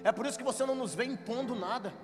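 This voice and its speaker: A Brazilian man, a pastor, telling jokey stories in a sermon that builds to shouted preaching in a church. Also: very high voice, very fast. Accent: Brazilian Portuguese. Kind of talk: sermon with storytelling. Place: church hall. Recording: reverberant church hall with music.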